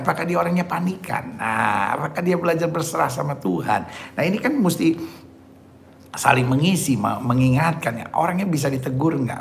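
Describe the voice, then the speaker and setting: A man's voice: mid-range voice, creaky, slight background noise. A man preaching a sermon, emphatic, often asking his listeners "ya kan?" and calling them "saudara-saudara". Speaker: pastor. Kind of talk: sermon on dating.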